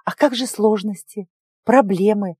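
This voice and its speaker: A woman reading a first-person story in an even, measured manner. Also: medium pitch, breathy edge, no echo, clean studio sound. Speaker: audiobook narrator.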